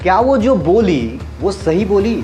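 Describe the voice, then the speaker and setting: A man's voice: high-pitched, big pitch swings, a little slow, mellow, faint music behind. A man from Bihar gives earnest commentary, asking rhetorical questions and mixing in English terms. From Bihar, India. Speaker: YouTube commentator. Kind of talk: explanatory social commentary.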